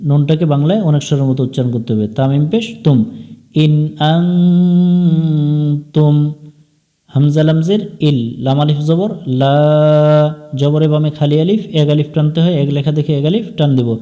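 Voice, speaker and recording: A man with a Bangladeshi Bengali accent teaches Quran recitation, spelling out letters and vowel marks before chanting each verse slowly. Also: a little high, dark tone. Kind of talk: slow step-by-step recitation lesson.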